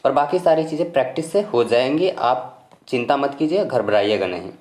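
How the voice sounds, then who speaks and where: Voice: medium pitch, expressive, moderate pace, darkish tone. A teacher with a mid-range voice walks through a pronunciation lesson, spelling out each word letter by letter. The delivery is patient and reassuring, and each rule comes round more than once. The voice carries a roomy echo. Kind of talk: step-by-step spoken lesson.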